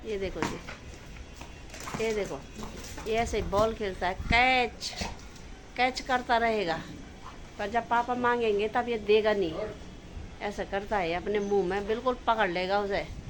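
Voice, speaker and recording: A middle-aged woman chatting casually to viewers in a home vlog from her kitchen and rooftop, loudly scolding her dog at times. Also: mid-range voice, unhurried, pauses often, slight background noise, low-quality recording. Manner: chatty, addresses viewers as friends. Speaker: vlogger.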